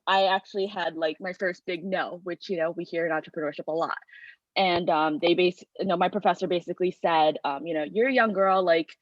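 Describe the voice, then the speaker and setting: A woman's voice: fairly low pitch, no room sound. A young woman, a past competition winner, giving a casual presentation on a video call, chatty with many fillers and "like". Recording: muffled video-call audio.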